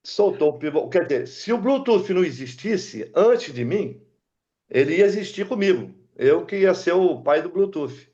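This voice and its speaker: Speaking in a high voice at a moderate pace, an older man from Brazil, an aircraft mechanic appearing as a guest, tells stories in easy conversation. The audio is dull. He's animated, voicing the dialogue in his tales.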